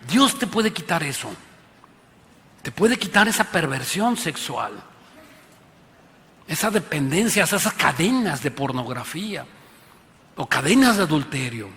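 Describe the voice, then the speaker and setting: A man's voice: a little high, big pitch swings, a little slow, long pauses, fairly bright tone. A man with a Mexican accent preaching a sermon as pastor, talking in a conversational way, often asking his listeners rhetorical questions and pleading with emphasis. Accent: Mexican Spanish. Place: church auditorium. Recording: reverberant church hall.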